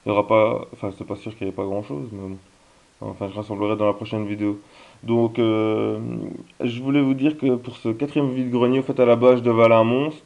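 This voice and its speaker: A man's voice: mid-range voice, steady tone, brisk, creaky, lo-fi sound. A man chatting casually in a vlog about his video game finds, talking hesitantly with many fillers. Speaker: video game collector vlogger.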